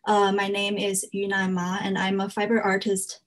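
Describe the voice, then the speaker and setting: A woman's voice: mid-range voice, completely flat delivery, normal speed. A young woman from China, speaking English as a second language, gives an earnest slide talk about her work as a fiber artist, with frequent "uh" fillers. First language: Chinese. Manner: earnest, frequent "uh" fillers, slightly non-native grammar.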